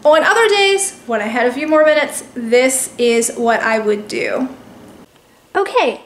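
A woman with a high voice and lively intonation, speaking a little slowly, hosts a cooking channel. In a chatty way she calls viewers guys while guiding them step by step through a simple recipe, recorded in an echoey room with faint background noise.

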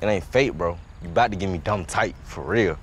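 A man's voice: low-pitched, a little fast, a little hiss or hum, close to an everyday voice. A man playing a tough-talking brother with a New York accent. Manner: tough, threatening.

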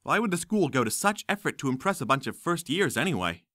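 A man reading a first-person audiobook in a wry, lively storytelling manner. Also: a little high, quick pace, no echo, clean studio sound. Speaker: audiobook narrator.

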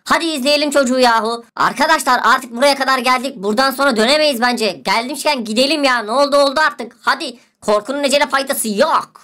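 A woman's voice: sits high, fast talker, hardly any pauses, sharp tone. A woman voicing an anxious, whiny boy who keeps protesting and wants to go home. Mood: worried.

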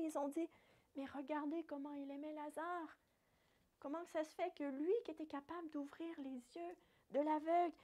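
A woman with a French accent, a Sunday school teacher retelling a Bible story for children with lively little acted quotes. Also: high voice.

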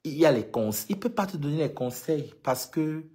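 This mid-range voice is expressive and a little mellow, moving at normal speed. It belongs to a Cameroon-based LGBT activist with a Cameroonian French accent, speaking informally in a vlog to followers and repeating points emphatically.

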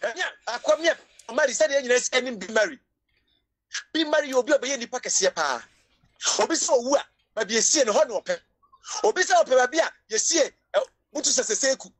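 A woman's voice: on the high side, expressive, quick pace. A woman preaching a sermon with a Ghanaian accent, emotional, at times crying out and slipping English phrases into her preaching. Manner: emotional, rising to cries and shouts, mixing English into Twi preaching.

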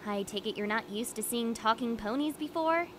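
A woman voicing a polite, studious young female unicorn in a fan-made cartoon, earnest and animated. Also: on the high side, moderate pace, slight background noise.

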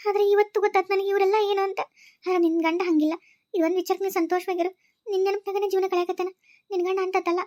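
A tearful, pleading young wife in a cartoon story, as a woman acts her out, her voice very high and thin. She speaks with a North Karnataka Kannada accent and sounds heartbroken and fierce in turn. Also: little pitch movement, rapid-fire, dark tone. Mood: vengeful. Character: young wife, grieving and vowing revenge. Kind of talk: cartoon voice acting.

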